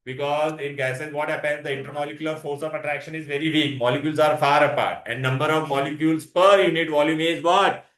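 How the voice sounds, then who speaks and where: A man's voice: fairly high pitch, fairly even intonation, quick pace, few pauses, fairly bright tone. A man with an Indian accent teaching an interactive science lesson, mixing Hindi words into English and often asking questions to prompt answers. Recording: echoey, roomy sound.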